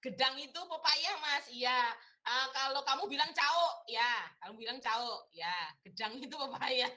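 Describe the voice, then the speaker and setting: A university lecturer with a Javanese accent has a mid-range voice that sounds pushed and bright. During a casual online class chat by video call, she teases her students and laughs often.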